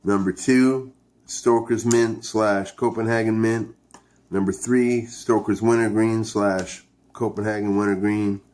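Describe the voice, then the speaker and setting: A man's voice: on the low side, fairly even intonation, a little slow, darkish tone. A man from Canada chatting casually to his viewers as a vlog host, hesitant and thinking aloud as he goes. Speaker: video host reviewing dipping tobacco. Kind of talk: casual, rambling vlog chat.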